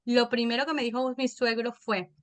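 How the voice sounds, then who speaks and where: A woman in her thirties with a Venezuelan accent, a podcast guest telling stories in an animated, chatty way. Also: fairly high pitch. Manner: animated storytelling, quick and chatty. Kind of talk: casual interview chat.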